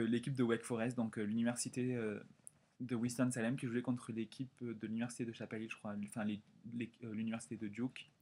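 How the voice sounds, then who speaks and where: Young man, 20s, from France, casual vlog storytelling, animated, chatty. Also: mid-range voice. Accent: French. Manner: animated, chatty, full of fillers and quoted dialogue. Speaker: vlogger.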